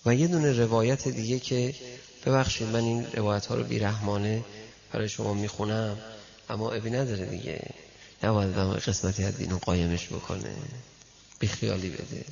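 Man, preacher, sermon, storytelling, gravelly voice, muffled lo-fi recording. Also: fairly low pitch, long pauses. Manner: storytelling, addresses listeners directly, animated quoting. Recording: dull lo-fi recording.

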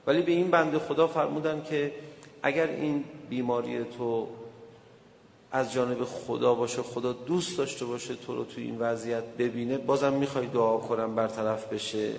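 A man's voice: medium pitch, steady tone, vocal fry, darkish tone. A man preaching a sermon, earnestly exhorting his listeners and retelling religious stories. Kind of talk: sermon with storytelling. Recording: reverberant hall.

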